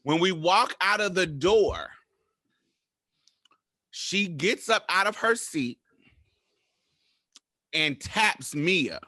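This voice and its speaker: A man's voice: sits high, expressive, very slow, pauses often, pushed and bright, dry recording, clean studio sound. A man, co-hosting and telling stories casually in a sassy, emphatic, profanity-laced way. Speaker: podcast host. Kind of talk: animated casual storytelling.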